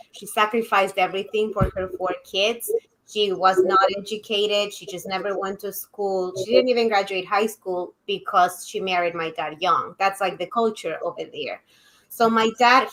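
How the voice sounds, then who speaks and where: Mulher equatoriana, fala sincera. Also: female voice, mid-range voice, normal speed, a bit bright, rough recording. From Ecuador. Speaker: interview guest. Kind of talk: candid personal storytelling.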